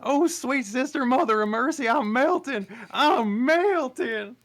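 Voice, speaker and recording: A performer reading a chatty, anxious male donkey sidekick at a table read, fast and fretful. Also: sits high, animated, fairly bright tone. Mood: panicky.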